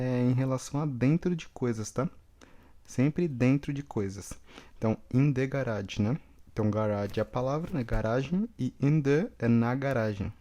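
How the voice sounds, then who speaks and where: A man's voice: medium pitch, dark tone. A man from Brazil with a Brazilian Portuguese accent teaching English vocabulary, repeating each word and checking in with the class. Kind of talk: bilingual vocabulary lesson.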